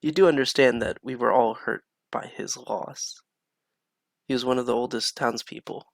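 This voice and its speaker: A man's voice: medium pitch, moderate pace, creaky, no echo. A man voicing a stern but polite woman innkeeper who speaks formally and courteously. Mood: reproachful. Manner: formal, courteous, slightly reproachful.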